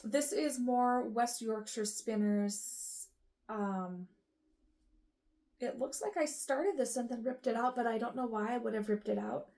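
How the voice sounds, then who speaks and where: A woman hosting a knitting show, sorting yarn and thinking aloud in a casual, unsure way, with a rough morning voice. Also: a little high, unhurried, darkish tone. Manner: musing aloud, unsure, lots of ums and trailing off. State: rough morning voice with the odd cough. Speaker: knitting podcast host.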